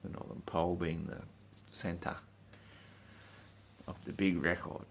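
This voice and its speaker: A man in a drunken, rambling, sweary rant, speaking informally and haltingly, with emphatic bursts and muttered asides. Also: sits low, flat delivery, slight background noise. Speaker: monologue speaker.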